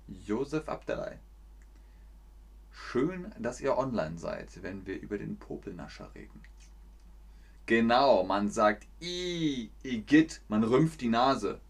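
A man from northern Germany with a northern German accent, teaching a playful livestreamed language lesson and acting out insults in sudden loud bursts. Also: on the low side, animated, measured pace, vocal fry, breathy edge.

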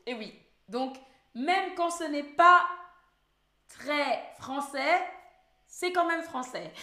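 A woman's voice: sits high, fairly bright tone, reverberant. A woman teaching French in a live online lesson, patiently repeating words and questions for her viewers.

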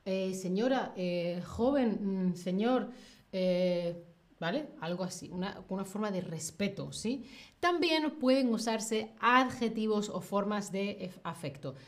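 A woman's voice: mid-range voice, lively intonation, measured pace. A woman teaching a live grammar lesson, often checking in with listeners and acting out example phrases in a raised voice. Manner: checks in constantly with rhetorical "¿sí?" and "¿vale?". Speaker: Spanish teacher.

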